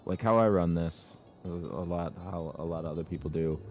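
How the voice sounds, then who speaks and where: A man co-commentating a live esports racing event in a relaxed, rambling way. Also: low-pitched, moderate pace, loud music behind the voice. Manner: relaxed, rambling, filler-heavy.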